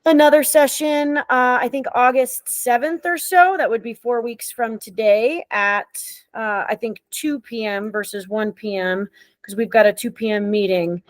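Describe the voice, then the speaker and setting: A woman running an online meeting in a casual, friendly way, pausing often with ums, heard over a video call. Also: fairly high pitch, dry recording. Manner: friendly, relaxed, with frequent ums. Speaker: meeting facilitator.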